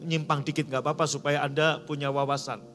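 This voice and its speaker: A male pastor preaching an emphatic sermon, swinging between loud declarations and quiet asides in a church service. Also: on the high side, little pitch movement, a little fast, soft background music. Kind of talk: lively charismatic sermon.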